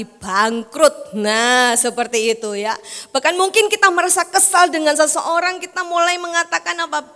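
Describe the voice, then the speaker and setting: A woman's voice: on the high side, fairly bright tone. A woman preaching a sermon in a church, chatty and conversational, acting out voices of family members in her stories. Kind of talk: sermon with acted-out family anecdotes. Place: church hall. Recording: echoey church hall.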